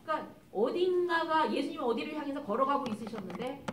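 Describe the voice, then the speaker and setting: A woman's voice: high voice, expressive, fast, heavy background noise. A woman missionary preaching a sermon, emphatic and full of rhetorical questions to the congregation, recorded in an echoey church from a distance. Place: church sanctuary.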